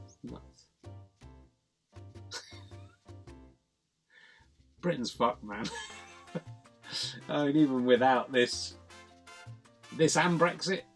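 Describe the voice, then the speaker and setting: A man's voice: mid-range voice, pushed and bright. A man in his forties playing a cynical man alone in lockdown, rambling sardonically in a video diary. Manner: sardonic rambling with laughs and swearing. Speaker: man self-isolating alone. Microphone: webcam or phone at home.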